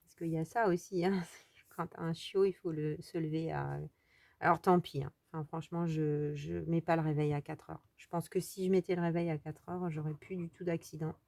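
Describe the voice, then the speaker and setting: A woman with a French accent hosts a casual crafting tutorial. Her voice sits a little low and has a gravelly edge. She chats and thinks aloud as she works, with trailing fillers. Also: flat delivery, moderate pace, darkish tone, no echo. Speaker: crafting video host.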